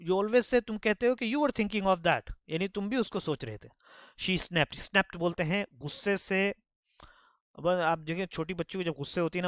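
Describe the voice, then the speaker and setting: A man's voice: high-pitched, fairly bright tone, dry recording, studio quality. A man teaching spoken English, reading story lines aloud and explaining them phrase by phrase. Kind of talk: Hindi-language spoken English lesson.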